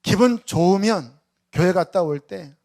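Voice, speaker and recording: A man's voice: high-pitched, measured pace, creaky, a little mellow. A man preaching a Sunday sermon as pastor, asking rhetorical questions and telling stories. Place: church sanctuary.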